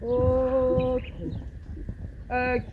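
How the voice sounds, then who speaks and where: A woman's voice: high voice, monotone, extremely slow, phone-quality sound. A woman training horses outdoors, calling short repetitive commands in a coaxing way. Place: outdoor riding ground. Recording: loud outdoor noise, horses and dogs.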